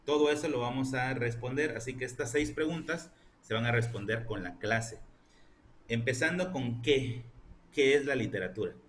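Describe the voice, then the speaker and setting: A man gives a literature lesson, explaining patiently and asking rhetorical questions. His voice sits at a middle pitch. A faint hiss of noise runs underneath. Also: normal speed, fairly bright tone. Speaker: teacher. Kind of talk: online class lecture.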